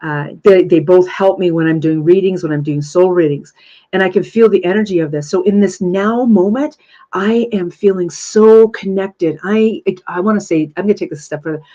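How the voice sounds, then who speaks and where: A woman's voice: fairly low pitch, normal speed, dark tone, dull audio. A woman in her thirties hosting a live spiritual question-and-answer session, talking earnestly and effusively and repeating phrases for emphasis. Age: 30s. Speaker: spiritual Q&A host.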